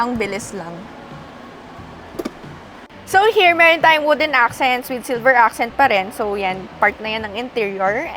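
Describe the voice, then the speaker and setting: A woman's voice: fairly high pitch, a bit bright, a little hiss or hum, poor audio. A young woman from the Philippines giving a casual walkaround review from inside a passenger van, chatty and demonstrative as she points out each feature. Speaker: car review presenter.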